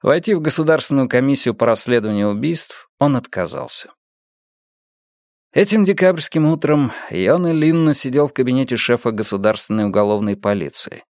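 A man's voice: mid-range voice, lively intonation, fairly quick, darkish tone, no room sound, studio quality. Man narrating an audiobook. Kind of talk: scripted narration.

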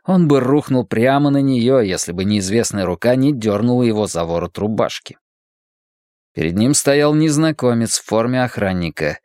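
A man narrating a fiction audiobook with steady, measured storytelling. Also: mid-range voice, no room sound, clean studio sound.

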